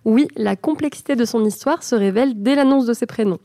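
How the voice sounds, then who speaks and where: A French woman co-hosting a podcast speaks in a mellow, darker-toned voice, a little high in pitch. She talks casually and enthusiastically, with frequent hesitations and fillers. The recording is dry and close. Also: brisk, no echo. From France. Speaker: podcast co-host.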